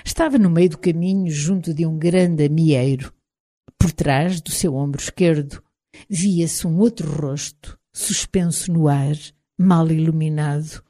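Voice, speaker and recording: Female audiobook narrator, European Portuguese accent, low-set warm voice, expressive first-person reading. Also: measured pace.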